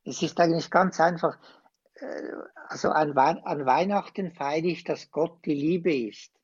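A man, a former priest speaking as a guest, slow and hesitant but impassioned. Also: fairly high pitch, slightly rough, muffled recording. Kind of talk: conversational interview.

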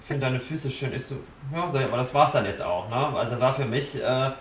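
A man's voice: medium pitch, fairly quick, fairly bright tone, distant mic. A man in casual chat, telling stories bluntly and dramatically with acted-out quotes. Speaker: podcast guest. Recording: roomy sound from off the mic, faint noise.

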